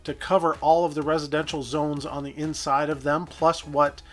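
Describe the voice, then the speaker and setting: A man with a somewhat raised pitch talks through his game in a relaxed, chatty way. He thinks aloud and catches his own slips, with soft music faintly behind him. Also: moderate pace. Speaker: gameplay commentator. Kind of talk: casual let's-play narration.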